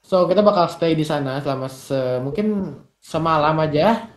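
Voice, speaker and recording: A man's voice: fairly high pitch, normal speed. A young man co-hosting a reaction video, brash and swearing in nearly every sentence. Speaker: co-host. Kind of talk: casual reaction chat. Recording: roomy echo.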